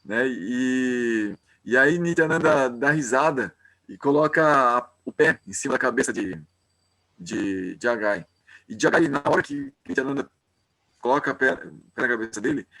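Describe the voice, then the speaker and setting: A man leads a devotional class. His voice sits at a middle pitch, and he narrates a scripture story in a loose, informal way, often catching himself and starting his sentences over. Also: expressive, unhurried, bright, forceful tone. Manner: informal, hesitant, with frequent restarts.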